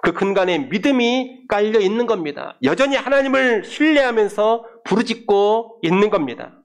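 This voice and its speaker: High-voiced man preaching a sermon. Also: expressive. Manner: measured preaching, directly addressing the congregation. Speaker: pastor.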